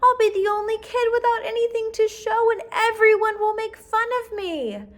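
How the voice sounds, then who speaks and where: A woman's voice: extremely high pitch, normal speed, voice pushed up. A woman voicing a worried young schoolgirl in a storybook, fretful and plaintive. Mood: worried, upset.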